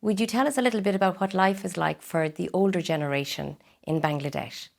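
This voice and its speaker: Low, creaky-voiced woman interviewer. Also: fairly quick. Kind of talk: interview questions.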